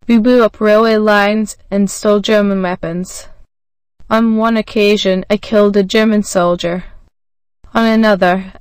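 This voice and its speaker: Smooth, dry-voiced woman narrator. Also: medium pitch, dry recording. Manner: even, measured reading that voices every symbol literally. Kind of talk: scripted narration of a graded reader.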